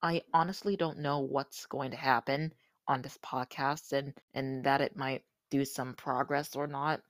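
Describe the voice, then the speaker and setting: An eighteen-year-old podcast host talking casually in a slightly crusty, somewhat monotone voice, recorded with earbuds used as a microphone. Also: medium pitch, a little slow, no room sound. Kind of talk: casual solo podcast talk.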